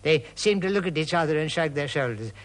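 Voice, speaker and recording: An older man recounting his experience as a pilot in an interview, in a conversational, halting way. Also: a little high, expressive. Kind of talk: archival interview recollection.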